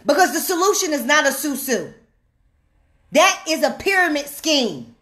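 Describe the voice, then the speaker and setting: A woman's voice: high voice, sing-song, pushed and bright. A woman coaching viewers on money in a fired-up rant, emphatic and preachy, repeating her points and calling out to the audience. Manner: emphatic and preachy, repeats lines slowly, calls out "hello?". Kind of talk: fired-up direct-to-camera rant.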